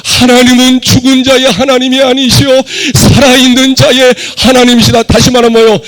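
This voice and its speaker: Hoarse, high-voiced male pastor preaching. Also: completely flat delivery, moderate pace. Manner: preaching with emphatic shouted peaks, leading the congregation in reading aloud. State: hoarse from a cold. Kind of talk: sermon. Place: church sanctuary.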